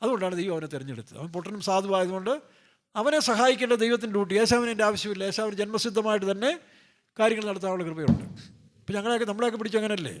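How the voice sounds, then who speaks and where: High-voiced, joking male preacher. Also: racing. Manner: colloquial, joking, full of rhetorical questions; acts out scripture characters in playful voices. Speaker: pastor. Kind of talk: sermon.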